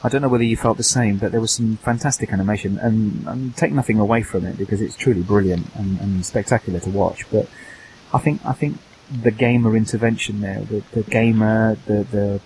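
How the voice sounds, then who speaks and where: A man co-hosting a casual gaming podcast, talking haltingly and restarting his sentences as he thinks. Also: fairly low pitch, fairly even intonation, a little mellow, slight background noise, low-quality recording. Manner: hesitant, restarts and repeats words while thinking. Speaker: podcast co-host.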